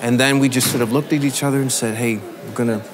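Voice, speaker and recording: Male band member, reflective backstage interview, mid-pitched, crowd audible. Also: steady tone, quick pace. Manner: reflective, thinking aloud with restarts. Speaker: band musician. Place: backstage room with curtains.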